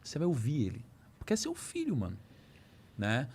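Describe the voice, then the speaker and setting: A man's voice: medium pitch, huge pitch swings, a little fast, a little mellow, slight background noise. A man hosting a podcast, talking in a casual, slangy and earnest way. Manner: slangy and earnest, says "mano" and "cara" often. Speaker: podcast host.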